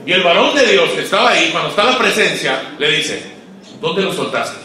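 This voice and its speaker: A man preaching a sermon to pastors, swinging between loud emphatic peaks and low quiet asides and asking the audience questions. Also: expressive, quick pace, slight background noise. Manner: asks the audience questions and waits for replies. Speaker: guest pastor. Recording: echoey hall, voice far from mic.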